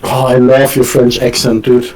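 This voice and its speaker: A man's voice: mid-range voice, little pitch movement, moderate pace, darkish tone, poor audio. A man chatting and joking with teammates while playing an online game. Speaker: player on voice chat. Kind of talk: casual game chat.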